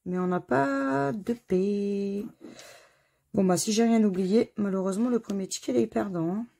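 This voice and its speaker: Scratching crossword lottery tickets at home in a corner still being renovated, this middle-aged scratch-card video host chats away, teasing herself and reading out letters one at a time. She speaks at a moderate pace in a warm, medium-pitched voice with some vocal fry.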